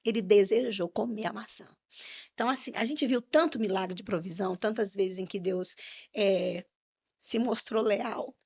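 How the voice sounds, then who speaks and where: A woman's voice: mid-range voice, moderate pace, gravelly, darkish tone, husky. A woman minister, a podcast guest, telling an earnest personal testimony with fervent religious emphasis. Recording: slightly muffled podcast audio.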